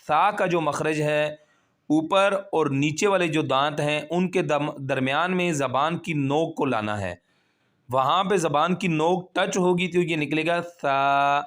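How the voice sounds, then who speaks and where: A man teaching Quran recitation, spelling words out slowly syllable by syllable and then explaining the rules briskly. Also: fairly high pitch, a bit bright. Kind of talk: slow spelled-out tajweed drill with quick explanations.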